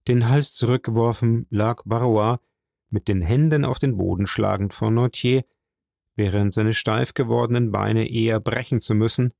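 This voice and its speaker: A man narrating a classic novel as an audiobook, reading in a steady, measured storytelling voice. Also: on the low side, vocal fry, no echo, clean studio sound.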